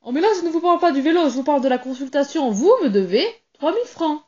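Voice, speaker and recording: A woman's voice: high voice, expressive, quick pace, dark tone, highs cut off, voice pushed up. A woman doing a smug, greedy doctor.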